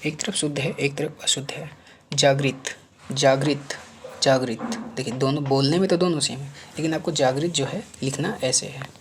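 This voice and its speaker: A man's voice: on the high side, slight background noise. A man teaching a spelling lesson for an exam, saying each word over and over and asking and answering his own questions, sometimes dropping to a murmur while he writes. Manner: repeats each word several times, asks and answers himself; drops to murmurs while writing on screen.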